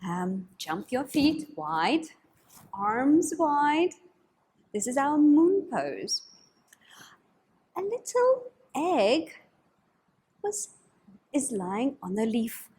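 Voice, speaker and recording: Animated, high-voiced woman hosting kids' yoga. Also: extremely slow, long pauses. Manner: animated, overbright children's party-host delivery, coaxing and sing-song. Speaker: children's yoga teacher and story host. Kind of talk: kids' yoga lesson with storytelling.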